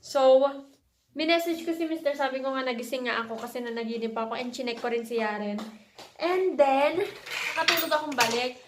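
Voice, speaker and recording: A woman's voice: sits high, brisk, reverberant, a little hiss or hum. A woman from the Philippines chatting casually in a home vlog, sometimes coaxing her child in a mommy tone. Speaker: vlogger and mother. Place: indoors at home, bedroom.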